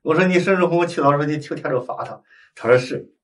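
A man preaches in a storytelling way, slipping into the voices of the people in his tale and often asking his listeners for agreement. His voice sits a little higher than most men's. He is heard from some distance from the microphone. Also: fast talker. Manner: animated, acts out dialogue, frequent tag questions. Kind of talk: storytelling sermon.

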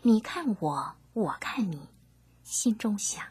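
A woman narrating a scripture story, reading gently in a half-whispered way. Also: mid-range voice, sing-song, slow.

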